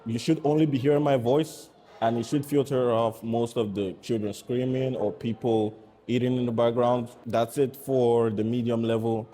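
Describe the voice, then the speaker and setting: A man reviewing gear in a steady, explanatory way, his voice heard through a wireless mic's noise cancellation with processing artifacts. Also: medium pitch, moderate pace. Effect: noise-cancelled through a wireless mic, with processing artifacts. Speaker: product reviewer. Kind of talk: casual tech review walkthrough.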